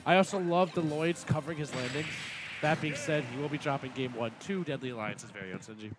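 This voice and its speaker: A man's voice: medium pitch, fairly quick. A man giving live esports commentary, breaking down plays analytically with jokey asides. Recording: music playing behind.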